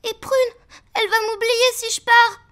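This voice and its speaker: A woman voicing Pêche, an energetic, excitable little girl in a children's audio story, talking fast and loud. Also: high-pitched. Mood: tearful pleading.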